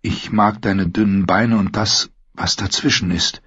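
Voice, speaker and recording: A man voicing an earnest young man of a sworn guard, quiet and a little hesitant. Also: fairly low pitch, fairly even intonation, unhurried, slightly rough, dry recording, lo-fi sound.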